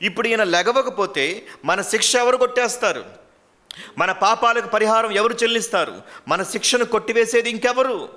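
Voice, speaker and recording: A man's voice: high voice, normal speed, pushed and bright, voice pushed up. A man voicing frightened disciples pleading over who will lift their punishment. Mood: anguished. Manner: anguished, pleading. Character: anxious group of disciples, fearful and pleading.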